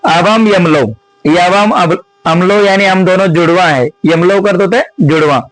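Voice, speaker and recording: A Sanskrit teacher with a fairly high male voice goes through an exam answer key the way a teacher works at the board, often posing a question and answering it himself while calling his viewers friends. He speaks at normal speed. The audio is poor, dry and close, with no room sound at all.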